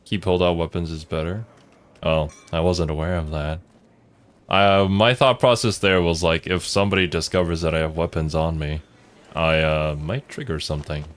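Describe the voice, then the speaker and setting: A man's voice: deep voice, fairly even intonation, normal speed. A young man giving casual, amused game commentary, musing aloud as he plays. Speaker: let's player.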